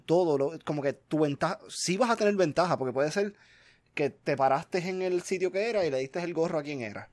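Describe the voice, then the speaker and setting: A man, casually chatting as a podcast co-host, thinking aloud with restarts and mixing in English words. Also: fairly high pitch. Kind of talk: casual chat.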